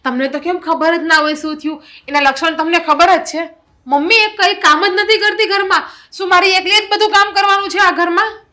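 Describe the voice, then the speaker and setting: Woman playing a sharp-tongued scolding elder daughter-in-law. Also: very high voice, steady tone, a little fast. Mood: complaining. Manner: scolding, sarcastic, complaining. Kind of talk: Gujarati family stage drama.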